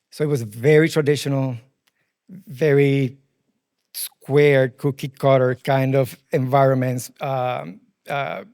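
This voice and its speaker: This forties-aged furniture dealership president from Puerto Rico has a mid-range, darkish voice and the accent of Puerto Rican Spanish, his native tongue. As an interview guest, he considers each question carefully, filling pauses with frequent ums.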